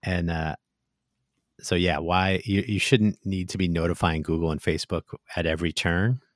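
A man's voice: low voice, steady tone, fairly quick, dry recording, studio quality. A man co-hosting a casual tech talk, thoughtful and hesitant, restarting his sentences often.

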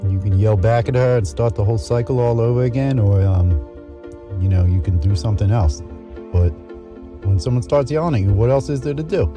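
A man's voice: medium pitch, brisk, close to an everyday voice. A man playing a tired married factory worker who mutters and rambles through his journal entries in a comedy voice-over. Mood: brooding. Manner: rambling, muttering, wry self-talk. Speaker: journal writer. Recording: muffled lo-fi with music behind.

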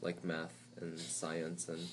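Deep-voiced young man, rambling chat. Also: takes it slowly, slight background noise. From Taiwan. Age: 20s. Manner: relaxed, rambling with many fillers and restarts. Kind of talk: casual chat.

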